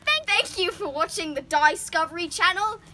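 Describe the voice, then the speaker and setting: A woman hamming it up as narrator of a mock nature documentary, excitable and giggly. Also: very high voice, normal speed, noisy background.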